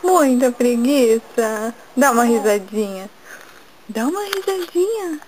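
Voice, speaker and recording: A woman speaking for her baby boy as if he were talking, acting out a sleepy little boy who has just woken up, with lazy, drawn-out words. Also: fairly high pitch, expressive, a little mellow, a little hiss or hum, low-quality recording. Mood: drowsy, lazy. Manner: drawn-out, lazy, yawning talk.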